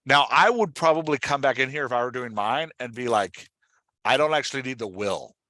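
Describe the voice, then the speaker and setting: In a dry recording, a podcast host with a mid-range, sharp-toned voice talks animated and fairly quick. He's coaching an author on dialogue one-on-one, casual and direct, instructing and often checking he's understood.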